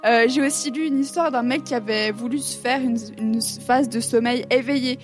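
A woman's voice: fairly high pitch, normal speed. A woman hosting a radio show in casual chat, laughing often between lines. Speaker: radio host. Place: radio studio. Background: faint music bed.

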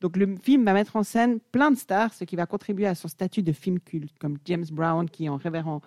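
Enthusiastic woman, mellow voice. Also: on the low side, normal speed, no room sound, clean studio sound. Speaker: radio music columnist. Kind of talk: radio chronicle, lively presenting.

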